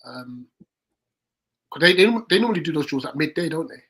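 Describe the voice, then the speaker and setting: A man with a slightly high, fairly bright and breathy voice speaks briskly while co-hosting a casual football fan watchalong. He chats about club news, reacts to the play and reads out viewer comments.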